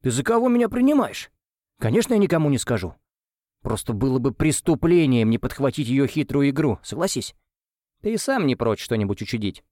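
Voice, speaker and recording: A man's voice: mid-range voice, very animated, brisk, a little mellow, no echo, studio quality, voice pushed up, natural voice. A man playing a cocky young schemer. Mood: indignant. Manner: boastful and mocking.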